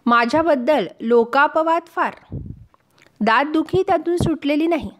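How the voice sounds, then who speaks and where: A woman's voice: high-pitched, unhurried, slight background noise. A woman teaching a class, reading a funny passage aloud and explaining it line by line. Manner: reads a passage aloud, then explains it in plain words and acts out the dialogue. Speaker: Marathi teacher. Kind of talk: reading and explaining a humorous lesson text.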